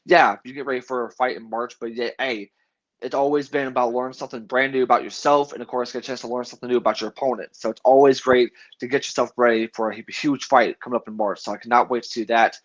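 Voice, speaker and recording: Man, interviewer, quick pace, enthusiastic, rambling, dull recording. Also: mid-range voice, fairly even intonation. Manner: enthusiastic, rambling motivational talk. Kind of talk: casual interview. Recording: dull lo-fi audio.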